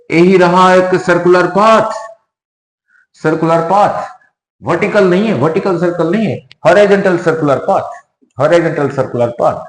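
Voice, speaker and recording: Speaking in a slightly high voice, this Indian-accented physics teacher walks through a whiteboard lecture one step at a time, repeating key words and blending Hindi with English terms. The audio is poor and echoey.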